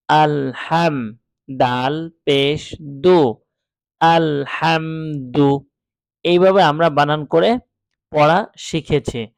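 A man's voice: a little high, vocal fry, no echo. A man teaching Quran reading step by step, spelling out letters and then reading them together with patience. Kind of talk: step-by-step recitation lesson.

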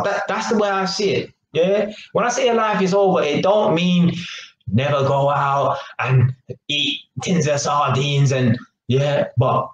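This slightly high-voiced man in his 20s vlogs to a webcam at arm's length from a small kitchen, the audio dull, echoey and faintly noisy. Animated and slangy, he gestures as he talks casually to camera, repeatedly asking "yeah?"

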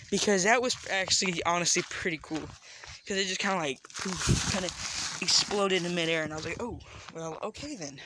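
A man vlogging casually into a phone he holds, rambling and excitable as he moves between indoors and outdoors. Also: high-pitched. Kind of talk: casual vlog narration. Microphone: phone held in hand. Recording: loud background noise.

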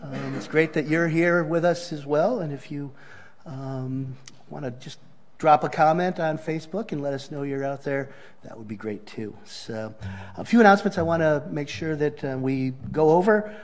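A man's voice: on the high side, moderate pace. A man with a Southern accent welcoming a church congregation and giving announcements in a friendly way, with frequent ums. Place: church sanctuary.

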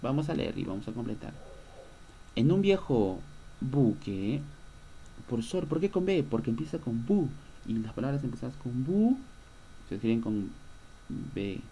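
A man's voice: medium pitch, big pitch swings, normal speed, warm tone, a little hiss or hum. A male schoolteacher giving a recorded lesson, patiently explaining and answering his own questions. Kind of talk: recorded online class lesson.

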